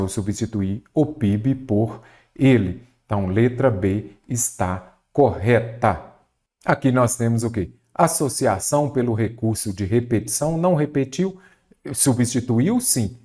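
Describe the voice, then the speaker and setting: A Brazilian man in mid-life teaches an exam-prep grammar lesson. His voice is mellow and dark, and he often asks his students rhetorical questions as he explains. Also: mid-range voice.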